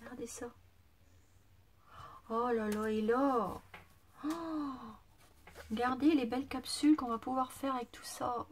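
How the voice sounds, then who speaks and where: Her voice giving out, this woman unboxes gifts she was sent in a casual craft vlog, speaking to the camera. She speaks on the high side, unhurried and pausing often, and she gushes and exclaims before sometimes slipping into a whisper.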